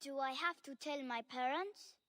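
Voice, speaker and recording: A woman's voice: high-pitched, moderate pace, a bit bright, no room sound, studio quality. A woman voicing a small, anxious village child in a video game, hesitant and worried.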